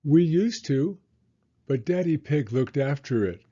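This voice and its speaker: A man plays a fond mother pig from a children's storybook. The delivery is patient and unhurried, gently explaining, with a slightly dull sound. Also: a little high, lively intonation. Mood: amused.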